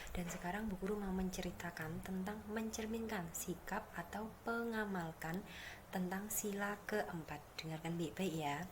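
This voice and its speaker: A young woman, a student teacher, giving a practice classroom lesson to children in a soft, partly breathy voice. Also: mid-range voice, normal speed. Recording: noisy recording with background hum.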